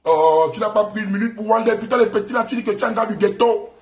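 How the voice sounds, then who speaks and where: A man's voice: sits high, fast, roomy sound. Mocking Gabonese man taunting on a live stream. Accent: Gabonese French. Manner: mocking, taunting, repeats insults. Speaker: online live host. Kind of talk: insulting livestream rant.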